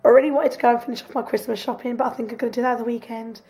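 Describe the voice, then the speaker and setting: Hoarse, chatty woman vlogger. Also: fairly high pitch, fairly even intonation, racing, dark tone. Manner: chatty, rambling, laughs often. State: hoarse, croaky from a cough. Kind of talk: chatty video diary. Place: home, sofa in front room.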